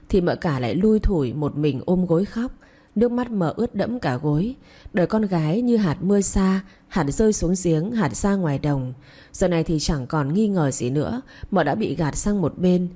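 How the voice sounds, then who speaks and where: A woman narrating a romance story in a steady, emotive reading style. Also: lowish voice.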